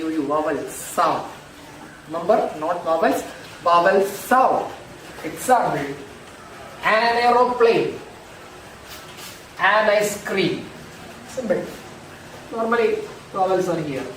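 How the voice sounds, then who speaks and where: A male school teacher, slowly explaining grammar in an online lesson and repeating examples. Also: high voice. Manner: slow, repetitive, drills examples aloud. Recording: echoey room, distant mic, noisy.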